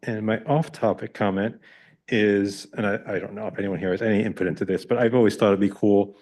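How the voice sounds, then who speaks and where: A man speaks up informally as a member of the public at a meeting. His voice is on the low side and his phrasing is casual. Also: steady tone, a little fast, a little mellow.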